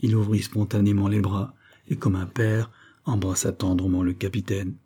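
Low, dark-voiced male narrator. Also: level tone, normal speed, husky. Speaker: audiobook narrator. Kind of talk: scripted narration.

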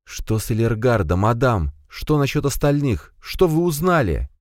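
A man reads from a storybook in a clean studio recording with no room sound, using his natural voice at medium pitch and a moderate pace. Very animated, he pitches above his own register to voice an urgent woman pressing with questions.

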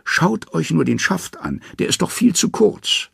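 A man voicing a cunning male trickster god in a storybook reading, high and pleading. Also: very animated, unhurried, vocal fry, fairly bright tone, breathy edge, no echo, clean studio sound, exaggerated voice. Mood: mocking.

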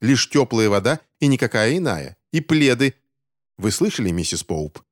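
A man reading an audiobook voices a stern gentleman doctor who lectures the others. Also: medium pitch, sing-song, moderate pace, no echo, studio quality, natural voice. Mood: indignant. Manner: indignant, lecturing.

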